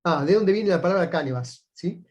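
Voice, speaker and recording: A man with a Rioplatense Spanish accent teaching a sailing class, explaining step by step and often checking in with quick "right?" tags. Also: sits high, animated, darkish tone, muffled recording. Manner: patient, methodical step-by-step explaining. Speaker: sailing instructor.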